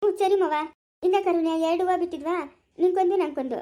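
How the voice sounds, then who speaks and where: A woman's voice: extremely high pitch, fast, dark tone. A woman voicing a sweet, tearful little village girl in a cartoon, childlike and pleading. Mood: eager. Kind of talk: cartoon voice acting.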